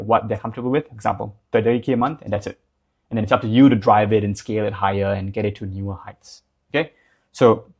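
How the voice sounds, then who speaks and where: A man's voice: lowish voice, darkish tone, husky. A young man from Singapore giving casual, loose business advice, full of fillers like "like" and "um". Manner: loose and conversational, many fillers like "like" and "um". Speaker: business coach. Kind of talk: casual talking-head advice.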